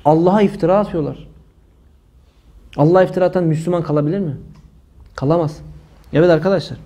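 A man speaking in an indignant religious monologue, his voice sitting high for a man. He presses his points hard, repeating phrases and sprinkling in pious formulas. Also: quick pace, dark tone. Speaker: religious commentator.

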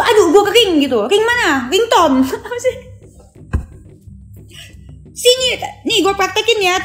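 A young woman ranting sarcastically on a phone live stream, mocking and mimicking someone. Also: extremely high pitch. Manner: taunting, sarcastic, mimics others.

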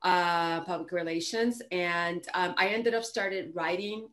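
A woman in her fifties from Puerto Rico with a Puerto Rican accent, chatting as a guest on a video call, animated and full of restarts. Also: fairly low pitch, a little slow. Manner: animated, frequent restarts and "you know". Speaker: guest author. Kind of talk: casual interview chat. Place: home office, indoors.

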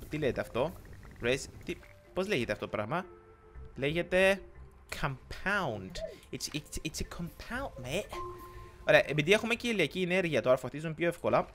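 Excitable Cypriot Greek gamer man. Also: on the high side. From Cyprus. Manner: excitable, rambling, mixes in English words, restarts often. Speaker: gaming YouTuber. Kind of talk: casual let's-play commentary.

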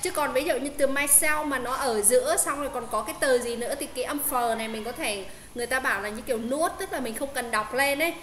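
A woman's voice: high voice, fast talker, few pauses, a bit bright, reverberant, a little hiss or hum. A woman tutoring English pronunciation on a video call, explaining with many fillers and checking questions. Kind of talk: casual online tutoring. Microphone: Zoom call.

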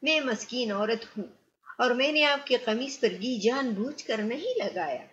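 A woman's voice: on the high side, animated, fairly bright tone, a little hiss or hum. A woman voicing a poor, helpless woman who pleads for mercy. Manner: pleading, plaintive. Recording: muffled lo-fi recording.

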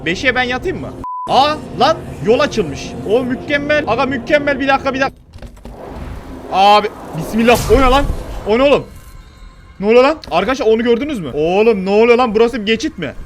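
A man doing horror game commentary, joking and shouting in panic at the characters on screen. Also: extremely high pitch, lively intonation, fast, slight background noise. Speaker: gaming YouTuber. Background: game music.

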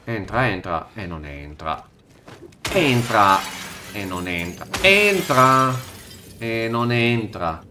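A man commentating a live blind playthrough, muttering low to himself, then yelping and shouting when startled. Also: big pitch swings, takes it slowly, background noise. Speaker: gaming streamer.

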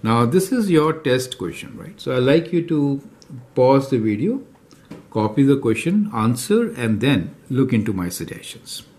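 Guy explaining math slowly, lots of "right?", lively up and down voice. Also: medium pitch. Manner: slow and deliberate, checks in with "right?" and "is that clear to you?". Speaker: math teacher. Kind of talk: recorded math lesson, talking through worked problems. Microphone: off-camera voice over handwritten notes.

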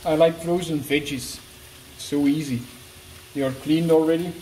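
A man's voice: fairly high pitch, steady tone, moderate pace, heavy background noise. Playful man cooking at home. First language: Dutch. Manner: playful, jokey, restarts mid-phrase. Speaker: cooking vlogger. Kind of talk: casual cooking demo. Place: home kitchen. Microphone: camera mic, handheld and moving. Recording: echoey kitchen with frying sizzle.

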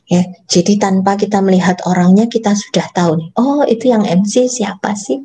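A woman's voice: medium pitch, moderate pace. A woman, teaching public speaking in a chatty workshop lecture, addressing her audience directly. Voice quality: soft, gentle voice. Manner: demonstrates phrasing by reading aloud.

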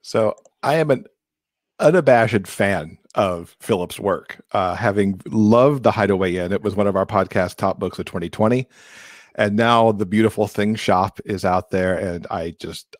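A middle-aged American man co-hosts a podcast, interviewing an author conversationally over a video call. He speaks into a large close microphone in a low-pitched voice at normal speed, and the recording is dry.

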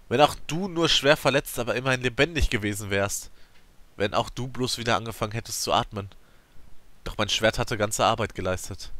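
Male let's play host, dramatic storyteller; low pitch, bright tone, surging and dropping loudness. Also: no room sound. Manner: emotive, theatrical storytelling with swings in loudness. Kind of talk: dramatic reading of a game's story text.

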